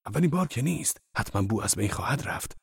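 A man voicing an earthy, coaxing old male laborer in an audiobook, talking with lively jumps in pitch. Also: creaky, breathy edge, dry recording, clean studio sound, heavily acted.

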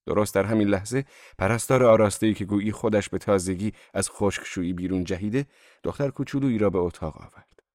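Male narrator for a literary audiobook, deep voice, steady and measured, dry close mic. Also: no echo. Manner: calm, even literary narration. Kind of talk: audiobook reading of a novel.

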